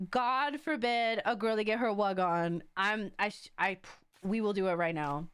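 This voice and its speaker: A woman livestream host chatting casually with viewers in a playful, campy, slangy and very expressive way. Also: medium pitch, slow, clear, resonant tone. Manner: expressive, exclaiming and drawing out words. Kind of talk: casual livestream chat while opening card packs.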